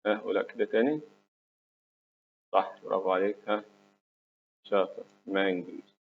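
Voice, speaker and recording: A man's voice: low voice, steady tone, normal speed. A man with an Egyptian Arabic accent, teaching English words to children, saying each word for them to repeat and praising them. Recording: tinny phone-like recording with faint hum.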